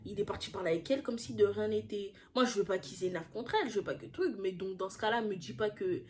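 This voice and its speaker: A young woman telling a personal story in a casual, slangy way, getting heated and throwing in quick asides. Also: mid-range voice, darkish tone.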